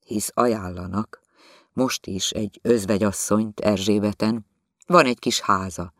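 A man's voice: fairly low pitch, steady tone, a bit bright, dry recording, clean studio sound. Man doing a blunt, kindly chimney sweep. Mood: gruff-kind. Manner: plain, homely, short blunt sayings. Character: burly 35-year-old chimney sweep, kind and blunt. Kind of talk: audiobook dialogue.

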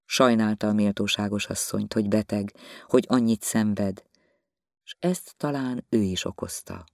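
A man narrating a novel in a measured, expressive way. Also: lowish voice, no room sound, studio quality. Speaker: audiobook reader. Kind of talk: literary narration.

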